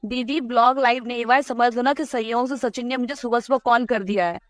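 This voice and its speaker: A woman on a recorded phone call, talking anxiously with many hurried restarts. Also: on the high side, steady tone, no echo, clean studio sound. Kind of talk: worried phone conversation.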